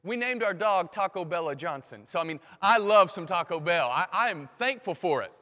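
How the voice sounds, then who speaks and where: A man preaching a sermon to a live audience, swinging from loud bursts to hushed near-whispers and making playful sound effects. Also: high voice, lively intonation, normal speed. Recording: long hall reverb.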